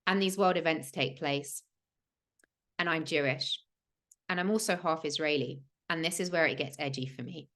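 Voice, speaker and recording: A woman from England who hosts a spiritual podcast tells a personal story on a livestream, earnest and emphatic, with many "like" fillers. Her voice sits low, fairly bright in tone, at normal speed.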